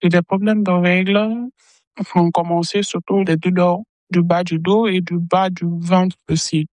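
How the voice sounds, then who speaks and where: A woman in her twenties leaving a recorded question, her voice electronically disguised for anonymity, speaking hesitantly with pauses. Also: lowish voice, little pitch movement, darkish tone, no room sound, low-quality recording. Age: 20s. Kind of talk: recorded voice message.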